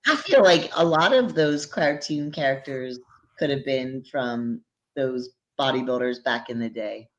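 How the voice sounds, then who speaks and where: A woman's voice: very deep voice, unhurried, lo-fi sound. A woman of fifty being interviewed as a guest about her training work, speaking frankly and casually and swearing now and then. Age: 50s. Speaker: guest, physique competitor and personal trainer.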